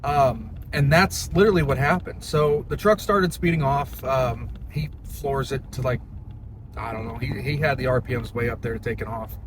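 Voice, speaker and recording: Low-pitched man, casual tutorial, noisy recording. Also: normal speed. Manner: plain-spoken, informal, mild swearing. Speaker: hobby duck caller giving a tutorial. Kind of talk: casual how-to talk to camera. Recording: noisy, with car and ambient noise.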